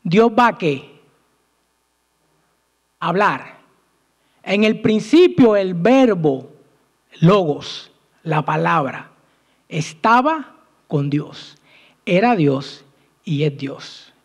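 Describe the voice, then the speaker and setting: A man preaching a sermon in church, asking the congregation questions and answering them himself, with emphatic swings in pitch and loudness. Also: expressive. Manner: slow, emphatic delivery with sudden rises and drops in pitch and loudness.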